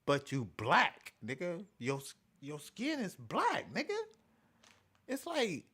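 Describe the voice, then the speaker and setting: A man hosting an animated commentary rant, repeating himself emphatically with profanity and mocking asides. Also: fairly high pitch, takes it slowly, husky. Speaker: show host.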